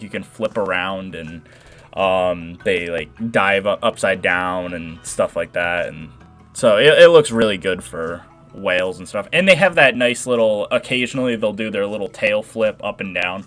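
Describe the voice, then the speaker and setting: A man's voice: fairly low pitch, normal speed, a bit bright, faint music behind. A young man with a nasal voice hosting a modding livestream, chatting and rambling as he explains his work. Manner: rambling, chatty, reads and answers chat. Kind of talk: casual livestream tutorial.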